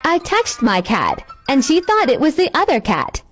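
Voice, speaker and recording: A woman reading short captions over video clips in a brisk, sing-song way. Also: high voice, wildly swooping pitch, fairly bright tone, faint music behind.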